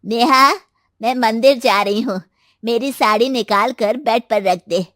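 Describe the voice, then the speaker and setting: A woman voicing a bossy, high-pitched mother-in-law. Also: unhurried, fairly bright tone, no echo, studio quality. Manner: nagging, ordering about. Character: bossy middle-aged mother-in-law, lazy and demanding. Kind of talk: cartoon voice acting.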